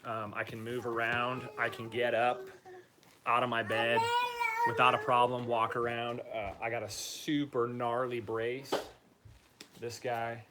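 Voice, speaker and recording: A man talking informally and upbeat in a casual video diary, using relaxed slang as he gives a personal recovery update. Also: medium pitch, slight background noise. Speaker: patient giving a recovery update.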